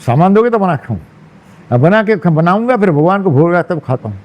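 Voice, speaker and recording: A man's voice: high voice, very animated, brisk, muffled recording. A man voicing a proud wandering monk who complains indignantly. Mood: firm.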